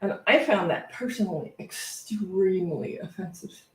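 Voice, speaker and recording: The reverend's voice is medium-pitched at normal speed as she delivers an informal, unscripted talk meant to inspire. She muses and tells anecdotes, repeating phrases as she gropes toward her point, captured by a distant mic in an echoey space.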